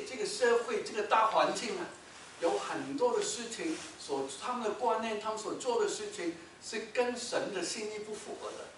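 A man preaching a sermon as a pastor, telling a story with rhetorical questions and loud bursts when he quotes someone shouting. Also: high voice, a little hiss or hum. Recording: echoey hall, mic from far off.

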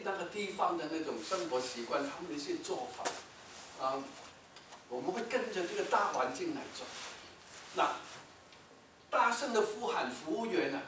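Male pastor with a high voice, storytelling sermon; booming reverb, mic distant. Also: slight background noise. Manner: storytelling, rhetorical questions, loud when quoting shouts. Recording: echoey hall, mic from far off.

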